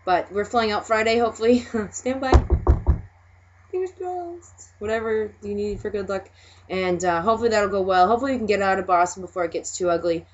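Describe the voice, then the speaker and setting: Speaking briskly in a mid-range voice, a young Minnesotan host with a Minnesota accent keeps a casual video chat going, chatty and frequently laughing between comments. There's slight background noise, and the lo-fi audio is dull.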